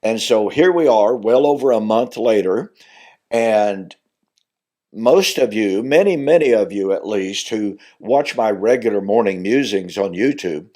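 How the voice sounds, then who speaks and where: Still recovering from losing his voice, this older minister and video teacher sounds strained and weakened, with a fairly low, darkish tone, lively intonation and a slightly slow delivery. He gives an earnest Bible teaching monologue that builds to emphatic insistence on key points.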